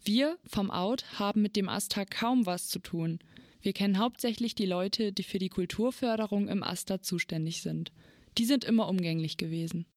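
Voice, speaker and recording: A woman's voice: medium pitch, moderate pace, no echo, studio quality. A woman giving a short, matter-of-fact statement. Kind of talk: read-out statement.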